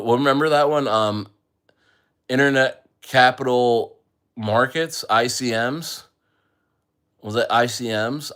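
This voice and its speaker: A man's voice: medium pitch, fairly bright tone. Rambling man hosting a livestream. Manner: rambling, full of fillers, talks to viewers. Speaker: livestream host. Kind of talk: casual livestream chat.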